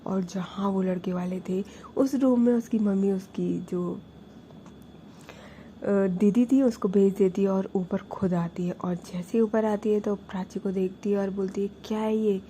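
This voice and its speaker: A woman's voice: mid-range voice, steady tone, unhurried, dark tone, slight background noise. A woman casually narrating a story in a chatty, conversational way. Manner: chatty, mixes in English words.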